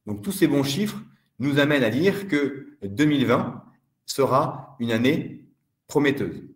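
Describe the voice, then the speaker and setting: A man giving a steady, measured explanatory webinar presentation as a fund department director. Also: medium pitch, echoey room.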